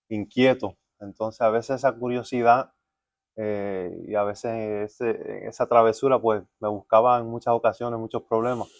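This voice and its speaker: A man with a low voice tells his life story as a pastor in a podcast interview. He speaks earnestly and reflectively, often pausing on fillers. The sound is dull and lo-fi, with no room echo. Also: darkish tone. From United States. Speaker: pastor, guest. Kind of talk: relaxed testimony interview.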